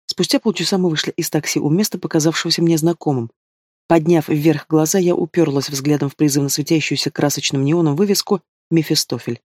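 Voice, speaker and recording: A man reading a first-person story aloud as an audiobook narrator, in steady, even storytelling. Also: a little high, brisk, no echo, studio quality. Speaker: audiobook reader.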